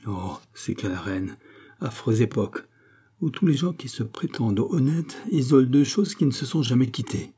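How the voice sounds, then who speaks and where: A man's voice: mid-range voice, lively intonation, normal speed, mellow, husky. A man reading aloud, voicing a proud, imperious queen in a storybook reading. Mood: indignant. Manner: imperious, reproachful. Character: proud haughty queen, woman, stern.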